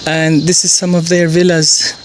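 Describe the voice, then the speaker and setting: A man's voice: on the high side, completely flat delivery, normal speed. A man from Albania with an Albanian accent gives casual walking tour commentary as a travel vlogger outdoors. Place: outdoors in town streets. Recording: noisy outdoor street, traffic ambience. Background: street ambience, vehicles.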